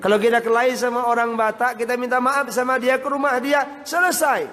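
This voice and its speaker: A man's voice: extremely high pitch, steady tone, brisk, sharp tone. A male Islamic preacher giving a sermon, constantly addressing his audience as sir and madam. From Indonesia. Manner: addresses the audience constantly as Pak and Bapak Ibu. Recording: hall reverb with faint noise.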